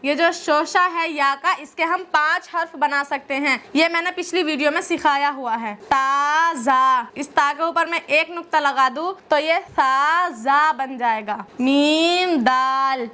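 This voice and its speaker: A woman teaching Quran reading, naming each letter slowly and drawing its name out as she explains step by step. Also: high-pitched, pushed and bright. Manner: slow, drawn-out letter names. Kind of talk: patient step-by-step lesson.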